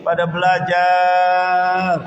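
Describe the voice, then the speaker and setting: A man's voice: high voice, completely flat delivery, very slow, muffled recording, slight background noise. A man preaching, asking rhetorical questions and chanting prayers. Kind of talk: mosque study sermon and prayer. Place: large mosque hall. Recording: echoey hall with long reverb.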